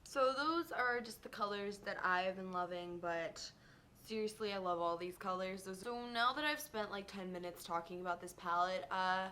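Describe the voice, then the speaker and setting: A young woman chatting excitedly in a casual beauty vlog, gushing over her favorites and calling everything amazing. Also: medium pitch, moderate pace, a little hiss or hum. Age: young adult. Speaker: beauty vlogger.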